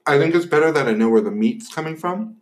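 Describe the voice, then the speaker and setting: A man's voice: on the high side, animated, quick pace. Chatty young man hosting a podcast. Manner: chatty, lots of fillers, laughs often. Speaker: podcast host. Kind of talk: casual chat while eating.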